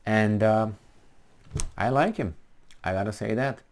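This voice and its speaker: A man, originally from Romania, giving blunt, defiant political commentary in a casual, animated way, with many restarts and fillers. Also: fairly low pitch, measured pace, a little hiss or hum.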